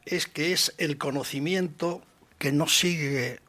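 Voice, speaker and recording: A man from presenting a radio section on the paranormal and telling a story in a measured, explanatory way into a studio microphone. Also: fairly high pitch, bright, forceful tone.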